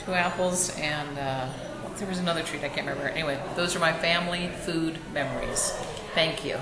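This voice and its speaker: A woman's voice: low voice, brisk, background noise. A woman chattily telling a family food story, rambling with asides. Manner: chatty, rambling, lively quoted voices. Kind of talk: casual storytelling. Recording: echoey room with crowd.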